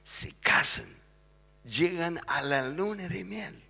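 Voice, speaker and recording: Slow, gravelly-voiced male preacher. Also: fairly high pitch, big-room sound. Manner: lively storytelling, acts out the voices. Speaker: pastor. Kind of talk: sermon storytelling. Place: church sanctuary.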